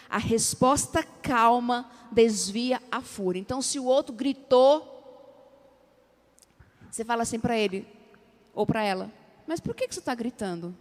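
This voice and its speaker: A woman with a Brazilian Portuguese accent preaching a sermon, drawing the congregation into call-and-response and acting out everyday dialogue. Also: fairly high pitch. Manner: lively, acts out everyday dialogue. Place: church sanctuary. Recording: long church hall reverb.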